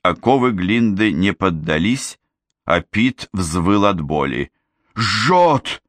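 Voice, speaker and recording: Deep-voiced male audiobook narrator. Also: dry recording, clean studio sound. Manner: steady, measured storytelling. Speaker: audiobook reader. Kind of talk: scripted narration.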